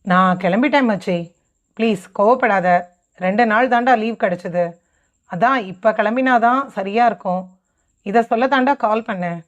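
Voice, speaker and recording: A woman voicing a young man, a frank and caring best friend, with a lowered, pleading tone, on a dull lo-fi recording. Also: moderate pace, close to an everyday voice. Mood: apologetic.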